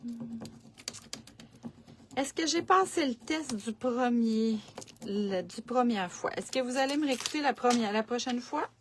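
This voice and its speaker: Quebec French woman, relaxed live crafting host, slow chatty delivery, camera sitting on her desk. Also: on the high side, slight background noise. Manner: chatty, thinks aloud while working, many fillers. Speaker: craft demonstrator on a live stream. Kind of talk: casual live craft demo. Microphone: camera set on the desk.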